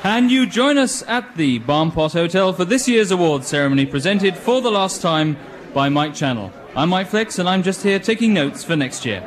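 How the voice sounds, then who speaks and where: High-voiced, dry event commentator. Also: male voice, animated, moderate pace, crowd noise. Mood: smooth, dry. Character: hushed, dry male broadcast commentator at an awards ceremony.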